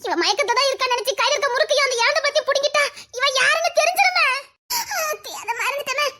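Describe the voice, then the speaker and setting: A woman with a Tirunelveli Tamil accent acting in a comedy sketch, chattering fast and scheming. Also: very high-pitched, animated, pushed and bright. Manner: fast, chattering and scheming, often laughing as she talks.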